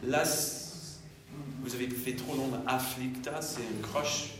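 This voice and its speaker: Slow-talking choir conductor in an echoey hall. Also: male voice, mid-range voice, fairly even intonation. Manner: counts beats aloud and sings short phrases to demonstrate. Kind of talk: choir rehearsal instruction. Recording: very echoey, voice far from mic, audible background noise.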